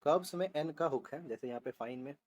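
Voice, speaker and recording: A man's voice: on the high side, fast talker. Man teaching shorthand step by step. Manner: steady teaching voice, spells out letters, asks and answers itself. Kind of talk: explaining a lesson on a board.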